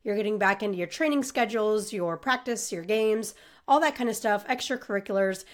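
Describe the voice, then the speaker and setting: A woman's voice: mid-range voice, a little fast. A woman with a stuffy, congested voice hosting a motivational podcast, talking in an upbeat, encouraging way with filler words. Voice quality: nasal and stuffy. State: sick and congested. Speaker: podcast host and coach.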